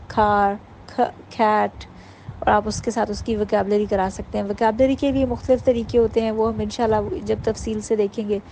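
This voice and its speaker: A woman giving an informal workshop talk to mothers, explaining patiently and sounding out letters slowly. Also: a little high, mellow, slight background noise, rough recording. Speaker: parenting workshop teacher.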